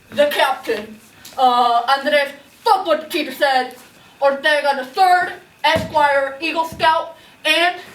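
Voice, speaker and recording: A woman playing a boastful male captain who lists absurd deeds in a deadpan way, in a student comedy improv. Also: high voice. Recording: roomy, distant and noisy.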